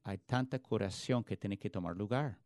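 A man's voice: on the low side, normal speed, darkish tone, no echo, clean studio sound. A man preaching a sermon in an earnest, emphatic way, often restarting words mid-phrase. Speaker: pastor.

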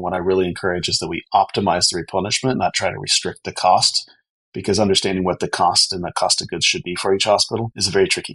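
A man's voice: low voice, fairly bright tone, husky, rough recording. A man speaking as an expert podcast guest, explaining things earnestly and conversationally. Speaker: podcast guest, company co-founder.

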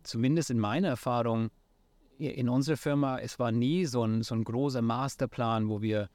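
A man in his thirties from Franconia, near Nuremberg, Germany, gives casual interview answers as a startup founder, speaking with a Franconian German accent. He sounds hesitant, full of fillers and restarts, and sprinkles in English words. His mid-range, darkish voice keeps a moderate pace and fairly even intonation, with no room sound.

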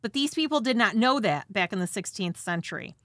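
A woman's voice: mid-range voice, lively intonation, brisk, a bit bright, no echo, studio quality. A woman hosting and narrating from a script with casual, conversational asides and a dramatizing touch. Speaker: host.

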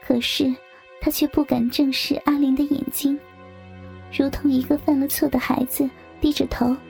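Woman, high mellow voice, hushed half-whispered narration, soft music behind. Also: flat delivery, normal speed, vocal fry. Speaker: storyteller. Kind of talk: scripted narration of an erotic story. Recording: faint background music.

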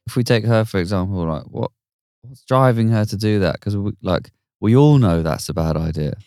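Deep-voiced man asking casual questions. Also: expressive, normal speed, a little mellow, dry recording, clean studio sound. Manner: casual, curious questioning with fillers. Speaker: music producer, co-host. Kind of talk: podcast conversation.

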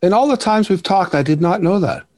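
Man, host, fairly high voice, eager, stop-start questions. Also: animated, a little mellow. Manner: eager, halting, many restarts. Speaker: podcast host. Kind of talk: casual interview chat.

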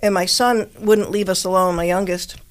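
Middle-aged female co-host, calm and matter-of-fact storyteller. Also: medium pitch, moderate pace. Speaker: podcast co-host, medium. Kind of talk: casual paranormal chat.

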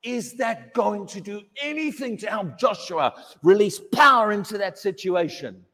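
Male pastor, high voice, emphatic questioning sermon, long church reverb. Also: expressive, moderate pace, fairly bright tone. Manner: emphatic, questioning, repeats phrases.

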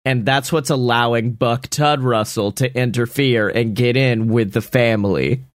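A man co-hosting a comedy podcast, pitching a film plot with jokey storytelling and frequent laughter. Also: unhurried, dry recording, studio quality. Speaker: podcast co-host. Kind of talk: comedic improv chat.

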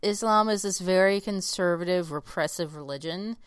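A woman with a smooth, resonant voice co-hosting a podcast in casual chat. She speaks frankly and emphatically, with casual swearing. The sound is dry and close, with no room echo. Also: lowish voice, normal speed. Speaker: podcast co-host.

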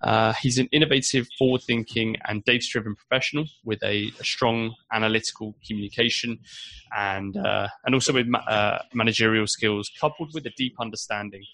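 A man's voice: lowish voice, steady tone, a little fast, bright, forceful tone. A man hosting an interview, friendly and casual, often restarting his sentences. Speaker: host.

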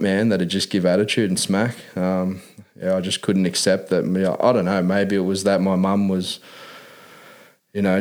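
A man's voice: deep voice, darkish tone. An Australian man telling his life story in a casual interview, talking in laid-back working-class Aussie slang peppered with "man" and "mate". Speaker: interview guest.

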